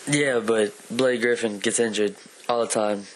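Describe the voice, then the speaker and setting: A man's voice: on the low side, steady tone, measured pace, a little hiss or hum. A man co-hosting a casual chat about movies and sports, rambling with lots of fillers. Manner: rambling, filler-heavy, hedging. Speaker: podcast co-host.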